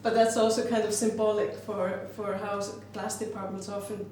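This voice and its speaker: Speaking at normal speed in a slightly mellow, medium-pitched voice with little pitch movement, an Icelandic glass artist reflects on her work and frequently stops to search for words. The recording is distant, very roomy, and noisy.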